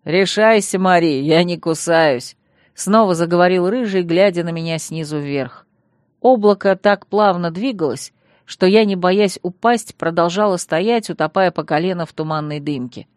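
A woman reading a fantasy novel aloud, telling the story with lively expression. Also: on the low side, normal speed, no room sound, studio quality. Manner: lively storytelling, acting out the dialogue. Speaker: audiobook reader. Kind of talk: scripted narration.

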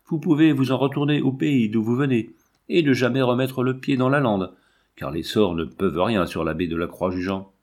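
A man's voice: mid-range voice, moderate pace, a little mellow, close to an everyday voice. A man voicing a sly, sarcastic old shepherd with sorcerous powers in an audiobook, speaking in a mocking and ominous tone. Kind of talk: audiobook character reading.

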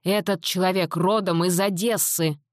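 A woman voicing a stern, quick-tempered father. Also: lowish voice, fairly even intonation, no echo, clean studio sound, lightly acted. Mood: angry. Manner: loud, slow, emphatic outbursts. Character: stern Soviet father, middle-aged man, quick-tempered.

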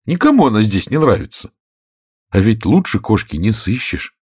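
A man's voice: mid-range voice, big pitch swings, normal speed, slightly rough, dry recording, clean studio sound, pitched above the performer's own voice. A man playing a polite curious young girl. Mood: eager. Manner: polite, eager, rising questions.

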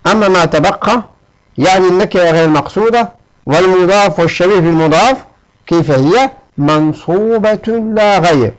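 A high-pitched man teaches a grammar lesson in a patient, classroom manner, repeating each example and checking on his students with a quick questioning "ha?". The audio is poor.

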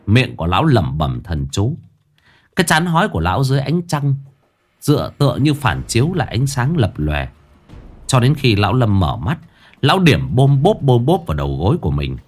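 A man narrating a ghost story in a dramatic, lively way. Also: mid-range voice.

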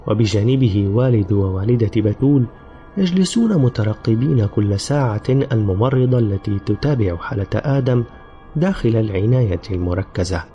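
A man giving a grave, dramatic reading of a dark story as an audiobook narrator. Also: on the low side, dull audio. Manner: grave storytelling, sometimes voicing characters.

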